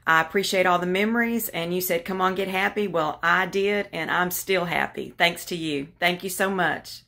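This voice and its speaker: A woman's voice: on the low side, normal speed, creaky, sharp tone. Cheerful middle-aged woman from Texas. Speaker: fan sending a greeting.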